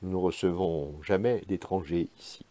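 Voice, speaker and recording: A man's voice: sits low, normal speed, warm tone, natural voice. A man reading the lines of a guarded, terse village official in his own voice. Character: wary, reserved rural village official, man.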